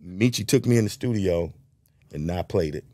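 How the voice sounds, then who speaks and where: Brief: low-pitched male guest, animated storyteller, dry close sound. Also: moderate pace, no echo. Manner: animated storyteller, scats bass lines, says "bro" and "man" often. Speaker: guest bass player. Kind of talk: casual conversation, storytelling.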